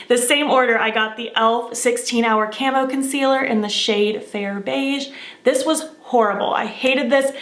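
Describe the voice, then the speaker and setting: High-voiced woman chatting casually, echoey room. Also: a bit bright. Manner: emphatic, opinionated, repeats herself for stress. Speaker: beauty vlogger reviewing past makeup purchases. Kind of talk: casual chat.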